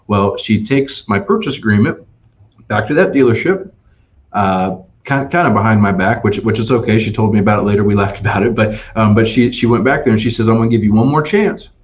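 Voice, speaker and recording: A man, an RV salesman appearing as a guest on a webinar, tells customer stories and makes his sales pitch in an animated, emphatic way with many restarts. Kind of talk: storytelling sales talk. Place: Ohio dealership office. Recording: dull lo-fi webinar audio.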